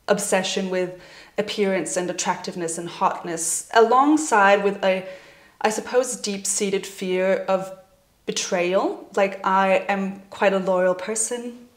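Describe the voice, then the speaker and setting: A woman in her twenties talking candidly and gently in a personal vlog, reflecting on her own experience and laughing now and then. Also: medium pitch. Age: 20s. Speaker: vlogger. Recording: roomy echoey room.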